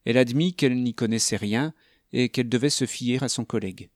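A man reads a novel aloud in a calm, even manner. His voice has an ordinary male pitch and a close, dry sound with no room around it. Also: a little fast, dry recording. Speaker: narrator. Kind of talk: audiobook narration.

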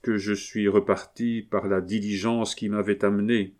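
A man reading aloud voices a kindly, gruff captain in his late fifties, an old hunter who talks to his son in an earnest, fatherly way. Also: lowish voice, little pitch movement, moderate pace, a little mellow, natural voice. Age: 50s.

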